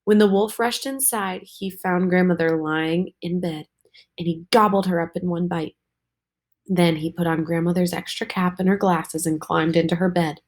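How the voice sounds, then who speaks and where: A woman teacher reading a storybook aloud to her students, slow and expressive. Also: fairly low pitch.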